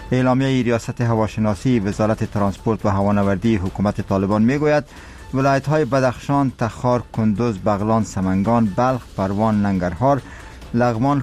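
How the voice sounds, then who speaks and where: A man's voice: medium pitch, darkish tone. A man with an Afghan accent reads a scripted news bulletin in a solemn, formal manner. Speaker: radio newsreader. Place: radio studio.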